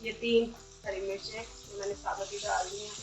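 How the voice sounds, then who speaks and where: A woman's voice: mid-range voice, flat delivery, moderate pace. A woman hosting a cooking channel, giving homely step-by-step recipe instructions to her viewers. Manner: homely, explains each step plainly to viewers. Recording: far from the mic with faint music.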